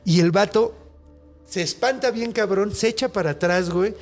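A man's voice: high-pitched, normal speed, soft background music. A Mexican man hosting a podcast and telling a story casually, full of slang and curses. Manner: slangy, profane, animated. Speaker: podcast host.

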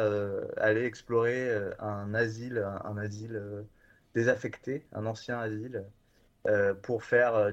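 Guy chatting all hyped, stumbles and restarts a lot, kinda muffled audio. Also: medium pitch. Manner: enthusiastic, rambling with many fillers and restarts. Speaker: guest from a horror streaming platform. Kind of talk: casual podcast chat.

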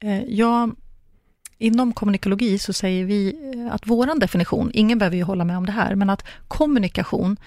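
Middle-aged woman, coach, chatty explainer, gravelly voice, dry close sound. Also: medium pitch, darkish tone, no room sound. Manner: chatty, explains with acted-out example dialogues. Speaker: coach and communicologist guest. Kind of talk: casual podcast conversation.

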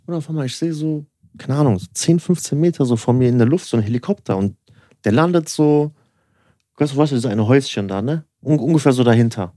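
A man's voice: medium pitch, expressive, quick pace, mellow, no room sound, clean studio sound. A young man rambling through a story in casual podcast chat, packed with filler words, acting out both sides of the dialogue. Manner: rambling, lots of filler tags like "so" and "ne"; acts out dialogue in quotes. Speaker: podcast co-host.

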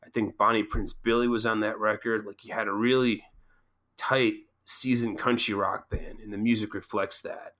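A man's voice: lowish voice, flat delivery, moderate pace, fairly bright tone. A man co-hosting a podcast, speaking in an earnest, heartfelt way. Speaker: podcast co-host. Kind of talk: casual podcast chat.

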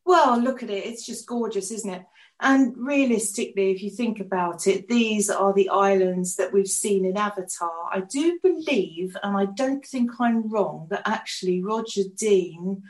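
A woman's voice: medium pitch, lively intonation, unhurried. Chatty English woman in an echoey room. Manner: chatty storyteller, laughs often. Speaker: co-host and artist. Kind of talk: casual podcast chat.

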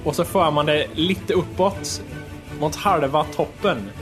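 A man's voice: fairly high pitch, music in the background. A man hosting a casual podcast chat, feeling his way hesitantly through questions and explanations. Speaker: podcast host.

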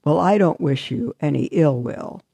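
Storybook figure: woman doing a vain, sneering fir tree, high and smug, gravelly edge. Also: expressive, moderate pace, warm tone, no room sound, exaggerated voice. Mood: smug mocking. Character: haughty smug fir tree, female-sounding, sharp-tongued.

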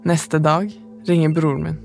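A woman, the podcast's narrator, telling her own story in calm, measured, scripted first-person narration. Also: low-pitched, creaky, faint music behind.

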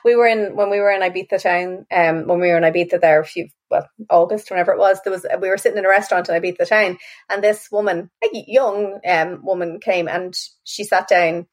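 A woman's voice: lowish voice, fairly even intonation, brisk, hardly any pauses. A woman in her forties hosting a casual interview, self-deprecating and laughing easily. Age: 40s. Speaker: podcast host.

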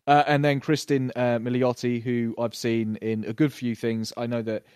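A man co-hosting a podcast, chatting casually about a TV series and video games, animated and quick to act out scenes. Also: mid-range voice, clean tone, no room sound, clean studio sound. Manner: animated, puts on quick voices when retelling scenes. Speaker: podcast co-host. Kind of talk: casual TV review chat.

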